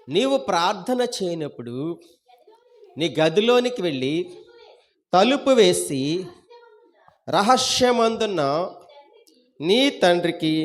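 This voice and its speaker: A male pastor with a Telugu accent preaching a sermon, asking the congregation questions and repeating key phrases. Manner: rises loud on key words, then drops low at line ends.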